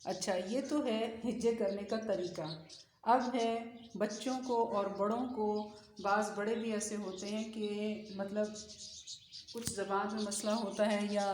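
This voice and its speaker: A woman teaching Qur'an reading, spelling out letters in slow, drawn-out drills and explaining the method to other teachers. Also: medium pitch, darkish tone. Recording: echoey room with faint noise.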